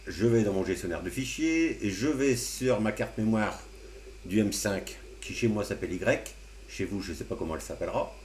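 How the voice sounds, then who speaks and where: A man hosting a casual amateur radio tutorial, explaining computer steps one by one with relaxed, joking asides. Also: on the low side. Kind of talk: casual screen-recorded tutorial. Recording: roomy echo, faint hum.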